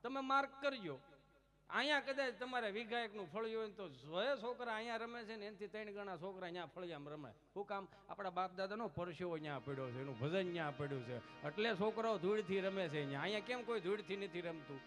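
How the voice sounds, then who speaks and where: A man telling comic folk stories on stage at a village gathering, teasing and lively. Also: high voice, fast, music in the background. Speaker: folk storyteller and comedian.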